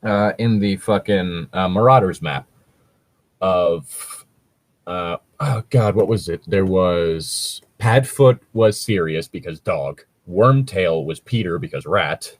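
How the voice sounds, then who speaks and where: Deep-voiced and taking his time, this man is a co-host who reads fan fiction aloud and talks it over. His casual commentary rambles and is full of swearing as he explains things.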